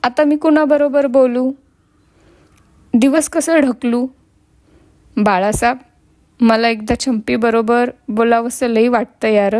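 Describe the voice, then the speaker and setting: A woman's voice: fairly high pitch, fairly even intonation, slow, pauses often, darkish tone. A woman voicing a blind, ailing village woman who speaks in a sad, pleading rustic way. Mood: sorrowful.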